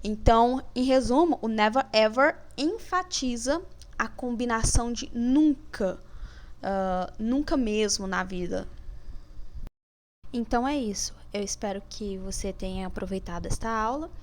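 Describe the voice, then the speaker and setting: A woman teaching English grammar, explaining exercises slowly and reading the example sentences with care. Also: fairly high pitch. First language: Portuguese. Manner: slow, careful, reads examples deliberately.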